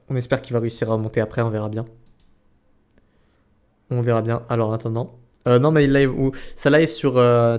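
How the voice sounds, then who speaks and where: A man's voice: mid-range voice, darkish tone. Casual, slangy man esports caster. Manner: casual slangy, exclaiming, muttering repeated words under tension. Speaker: esports caster commentating a tournament stream. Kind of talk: live esports casting, play-by-play game commentary.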